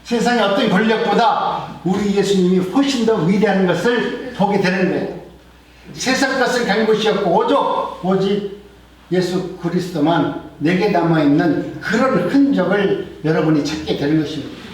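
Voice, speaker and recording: A middle-aged man preaching a sermon as pastor, earnest, swelling louder and then dropping to soft, quiet lines. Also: high-pitched, normal speed, a little hiss or hum. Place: church sanctuary. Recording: very echoey church hall, mic at a distance.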